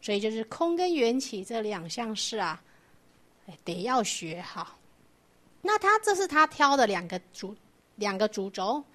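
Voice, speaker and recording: A woman gives a Buddhist doctrine lecture. Her voice sits a little high, and she explains things patiently. She keeps putting rhetorical questions to her students. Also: very animated, measured pace, bright, forceful tone. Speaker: Buddhist teacher.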